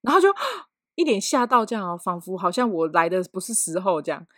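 A woman's voice: fairly low pitch, fairly quick, no echo, studio quality. A woman in her thirties with a Taiwanese Mandarin accent, telling an office story in casual chat and acting out scenes with sound effects. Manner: animated, acts out scenes with sound effects and laughter.

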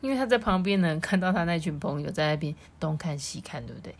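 A woman's voice: deep voice, fast, gravelly. A woman reading a picture book aloud to her child at home, stopping to ask questions.

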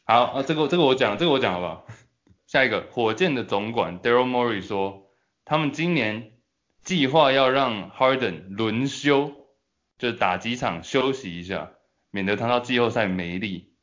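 Animated, jokey Taiwanese male talk host. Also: medium pitch, dull audio. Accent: Taiwanese Mandarin. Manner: jokey, teasing, quick to laugh. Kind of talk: casual sports banter.

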